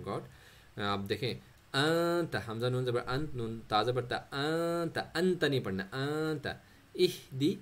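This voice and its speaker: A man, an Urdu speaker, teaching tajweed step by step, stretching out example words with nasal recitation. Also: mid-range voice. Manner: patient step-by-step explaining, modeling words with drawn-out nasal recitation.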